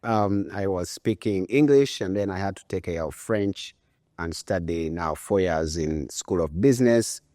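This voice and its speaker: A man in his forties who grew up in Uganda, a guest entrepreneur answering interview questions in a relaxed, thoughtful way with frequent fillers. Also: low voice, moderate pace, no room sound, studio quality. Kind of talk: conversational interview.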